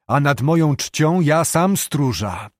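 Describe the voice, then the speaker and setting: A man reading an audiobook, voicing a calm, stubborn young knight who answers steadily. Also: on the high side, slow pace, no echo, clean studio sound. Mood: calm defiant.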